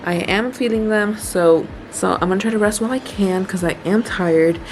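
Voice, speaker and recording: A woman's voice: mid-range voice, normal speed, slight background noise, poor audio. A young woman casually vlogging from a hospital room on a handheld phone, chatty and self-deprecating while tired in labor. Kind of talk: casual vlog narration.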